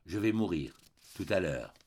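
A man's voice: low voice, animated, normal speed, a little mellow, slightly rough, pitched below the performer's own voice. A man doing a faint, dying old man. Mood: weak. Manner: faint, subdued.

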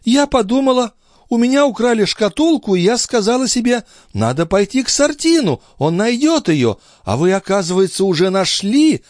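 An imperious countess, as a male audiobook reader puts her on, with a high, airy falsetto that swoops and flutters as she mocks and commands, and her lines land close and dry. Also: sing-song, normal speed, dry recording. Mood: mocking. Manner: breezy, mocking, commanding. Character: haughty imperious noble countess, woman. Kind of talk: audiobook character voice.

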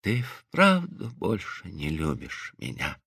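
A man voicing a despairing young woman in an audiobook, speaking quietly, tired and lifeless. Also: low voice, huge pitch swings, takes it slowly, vocal fry, slightly rough, dry recording, studio quality, pitched below the performer's own voice, full character voice. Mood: weary despair.

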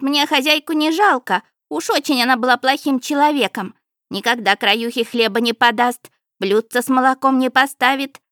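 Storybook house spirit, woman reader: little man, wailing and scolding, high-pitched, dry sound. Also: dry recording. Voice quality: high, shrill and loud. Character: small wailing male house spirit, self-pitying.

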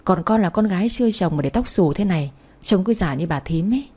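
A woman's voice: on the low side, animated, fairly quick, a little mellow, breathy edge. A woman voicing an insistent, scolding middle-aged mother in a storybook reading. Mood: nagging.

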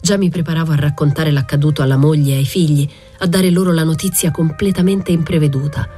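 A woman reading a novel aloud as scripted literary narration, in a measured, even way. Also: deep voice, husky, faint music behind. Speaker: audiobook reader.

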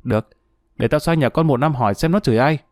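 A man voicing a hot-tempered ex-convict husband who shouts and curses roughly. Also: mid-range voice, lively intonation, fast, dry recording, clean studio sound, close to an everyday voice. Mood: angry.

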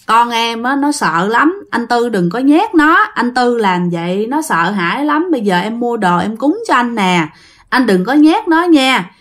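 A woman voicing a worried middle-aged mother who pleads softly, with a Southern Vietnamese accent. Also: fairly high pitch, sing-song, unhurried. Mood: pleading. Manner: pleading, soothing.

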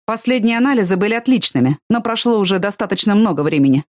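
A woman reading the lines of a calm, protective young man in an audiobook, in a steady, reassuring way. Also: medium pitch, fast, dry recording, studio quality, voice pushed up, lightly acted.

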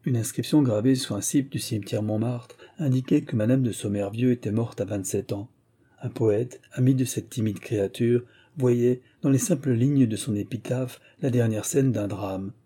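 A man narrating a classic novel in a measured, grave voice. His tone is very dark and mellow, with a husky edge. Scripted literary audiobook reading. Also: medium pitch.

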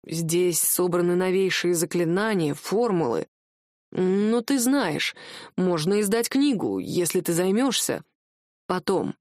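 A woman reading an audiobook voices a restrained, tender male wizard husband, speaking low and calmly. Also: slow, no echo, studio quality. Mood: gentle. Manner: calm, low, quietly sorrowful.

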